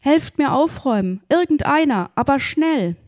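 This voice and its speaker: A woman voicing a frantic man who exclaims in alarm as he rushes to tidy his house for a visitor. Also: medium pitch, lively intonation, dark tone. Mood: agitated. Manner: exclaiming, agitated.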